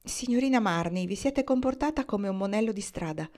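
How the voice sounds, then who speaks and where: Woman voicing a soft-spoken gentle young man. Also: medium pitch, lively intonation, fairly quick, lightly acted. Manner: quiet, mild, soft-spoken.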